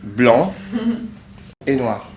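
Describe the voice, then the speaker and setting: A man in a group discussion, speaking slowly and hesitantly as he searches for words. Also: medium pitch, very animated, a little mellow. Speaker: discussion participant. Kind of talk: casual discussion. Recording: echoey room with faint noise.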